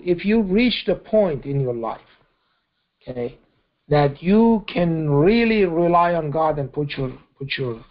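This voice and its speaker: A man's voice: fairly high pitch, highs cut off. A man leading a scripture study, explaining verses in a conversational way and often checking in with "okay?". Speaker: Quran study teacher.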